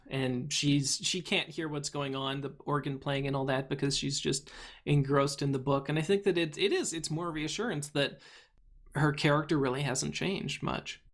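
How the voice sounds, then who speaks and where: A man's voice: fairly high pitch, fairly bright tone. A man hosting a casual review discussion, leading the talk and laughing easily. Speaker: podcast host.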